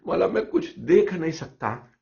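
A man's voice: on the high side, big pitch swings, measured pace, vocal fry, mellow, voice pushed up, heavily acted. A man voicing an old blind man who pleads through tears, in a dull lo-fi recording. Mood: tearful pleading. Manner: pleading, tearful.

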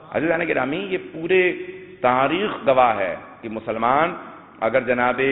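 A man preaches a sermon in a mid-pitched voice, telling stories and swelling into loud, sung recitation of verses. The sound is tinny and narrow, like a phone line, with a long hall echo trailing each phrase. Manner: addresses listeners as dear ones, tells stories. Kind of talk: Shia majlis sermon with sung poetry.

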